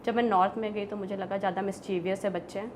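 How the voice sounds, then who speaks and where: A woman teacher telling classroom stories in a relaxed conversational way, mixing Hindi and English and laughing often. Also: mid-range voice, fast, slight background noise. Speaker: zoology teacher. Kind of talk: conversational storytelling.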